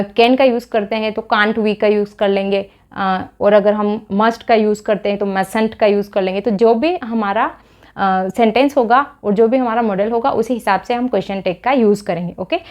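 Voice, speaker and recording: Indian woman teaching English, slow and deliberate. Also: on the high side, darkish tone. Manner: explains in Hindi, models English sentences slowly and deliberately. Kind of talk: spoken English lesson.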